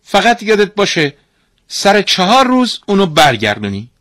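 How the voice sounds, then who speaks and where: A man's voice: sits high, huge pitch swings, a bit bright, no room sound, studio quality, pitched above the performer's own voice, full character voice. A man voicing a scheming male spirit who lives in a spring and teaches magic tricks. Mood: commanding.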